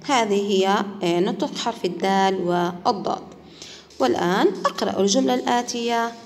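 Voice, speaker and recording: A woman teacher taking students through language exercises, patiently repeating words and sounding them out slowly. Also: mid-range voice, a little hiss or hum. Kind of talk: classroom lesson explaining exercises. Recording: long hall reverb.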